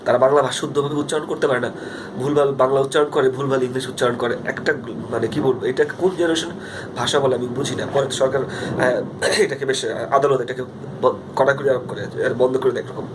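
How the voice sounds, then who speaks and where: A man's voice: medium pitch, steady tone, fairly quick, noisy background. A young Bangladeshi man speaking Bengali with a Bangladeshi accent, talking earnestly into his phone's front camera in a casual video diary, with many fillers and restarts. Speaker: vlogger.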